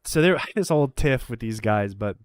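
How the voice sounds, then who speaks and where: A man's voice: medium pitch, normal speed, smooth, no room sound. A man talking as a guest in a casual conversation, telling stories bluntly and with plenty of swearing. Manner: blunt, profane, animated storyteller. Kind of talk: casual conversation, candid storytelling.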